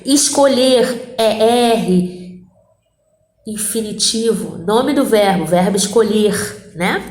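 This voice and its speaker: A woman's voice: fairly high pitch, darkish tone, reverberant. A woman teacher goes through a grammar exercise, spelling out word endings and checking in with her students. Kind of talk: correcting a Portuguese grammar exercise.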